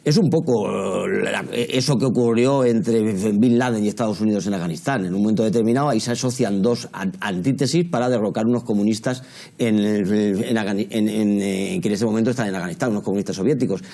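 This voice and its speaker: Panelist man, mellow low tone, halting explanatory debate talk. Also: creaky. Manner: explanatory, halting, seeks agreement. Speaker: political panelist. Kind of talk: debate commentary.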